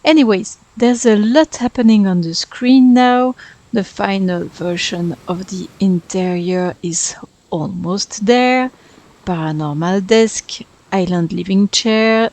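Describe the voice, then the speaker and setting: In a darkish, mid-range voice, a French-accented woman in her thirties who makes Sims speedbuild videos narrates her build, chatting freely and putting herself down with humor.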